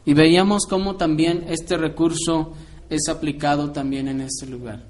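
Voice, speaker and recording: A man's voice: fairly high pitch, steady tone, moderate pace. A man preaching a Bible lesson to a congregation, explaining patiently and asking the listeners rhetorical questions. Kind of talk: sermon-style Bible teaching.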